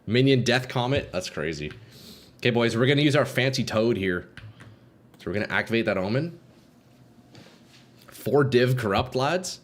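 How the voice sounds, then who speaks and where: A man's voice: medium pitch, expressive, normal speed, pauses often. A young man live streaming a video game, chatting casually with his viewers in a slangy, sweary frat-bro manner.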